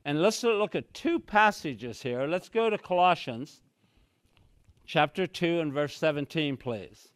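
A slightly high, expressive male voice, unhurried and with no echo, belongs to an older Bible teacher giving an expository lesson in a small church room. He speaks into a podium mic but often walks away from it, gesturing with both hands. His delivery is emphatic, and he keeps repeating key phrases such as "so very clearly."

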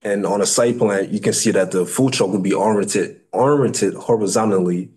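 An American man in his thirties with a fairly low voice presents a project formally at a public meeting. He speaks as a city planner, haltingly, repeating and correcting words as he goes. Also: a little mellow. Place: indoor meeting room at a table.

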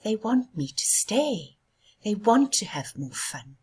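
A woman's voice: mid-range voice, big pitch swings, takes it slowly, darkish tone, husky, voice pushed up, heavily acted. A woman voicing a stubborn, gleeful male sun in a storybook who refuses to go to bed. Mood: cheeky. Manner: cheeky, defiant.

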